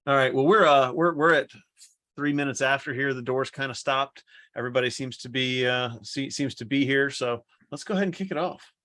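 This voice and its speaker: A man's voice: medium pitch, fairly quick, fairly bright tone, no room sound. A man hosting a livestream with casual, rambling, joking banter. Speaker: livestream host, company co-founder.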